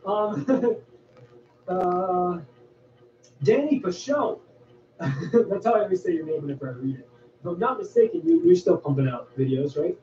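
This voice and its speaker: Higher-voiced man, echoey and distant. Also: sing-song, unhurried, pauses often, warm tone. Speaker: video creator hosting a livestream. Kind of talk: casual rambling livestream chat. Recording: roomy, distant, dull audio with faint noise. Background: faint noise and ambience.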